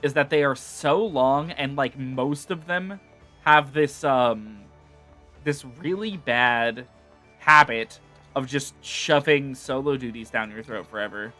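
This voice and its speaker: A man's voice: mid-range voice, takes it slowly, pushed and bright, soft background music. Wry man chatting over gameplay. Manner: chatty, wry, self-correcting asides. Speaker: streamer. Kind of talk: casual gameplay commentary.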